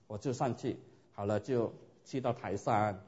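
A man preaching a sermon and telling his own story in a lively way, often asking his listeners rhetorical questions. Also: fairly low pitch, normal speed. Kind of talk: sermon with personal testimony. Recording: dull lo-fi recording.

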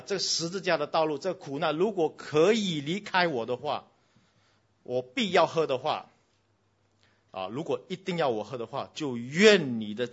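Husky-voiced preacher with dramatic swings. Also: male voice, mid-range voice, muffled recording. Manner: dramatic, swings between loud exclamations and hushed lines; mixes in English phrases, addresses children directly. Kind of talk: sermon.

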